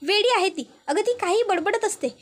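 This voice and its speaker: A woman's voice: very high voice, lively intonation, moderate pace. A woman doing a wheedling lying villain. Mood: wheedling innocent. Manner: wheedling, falsely innocent. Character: scheming middle-aged man, a smooth-talking lying villain.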